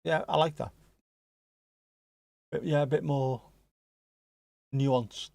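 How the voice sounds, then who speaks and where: A livestream host from the Liverpool area of England, with a Scouse accent, chats casually with viewers and reacts to live chat, joking and swearing now and then. His voice is on the high side with fairly even intonation, slow, with vocal fry and a darkish tone, recorded with no room sound.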